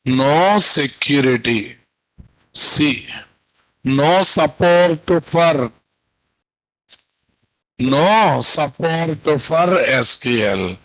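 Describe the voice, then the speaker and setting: Male online instructor, Telugu Indian accent, slightly high-pitched, slow dictation with repeats and prompts to the class. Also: expressive, a bit bright, poor audio. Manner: repeats phrases, prompts students with questions. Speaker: programming instructor. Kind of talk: live online lesson, dictating notes. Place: indoor room at a computer, video call.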